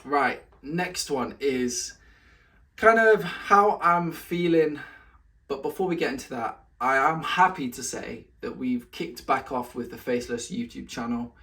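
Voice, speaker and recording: A man's voice: a little slow, bright, forceful tone. A man talking casually to camera in a weekly update vlog, a little out of breath, chatting with a lot of self-talk. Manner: chatty, talks to his cat in a high sing-song voice between points. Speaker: vlogger giving weekly update.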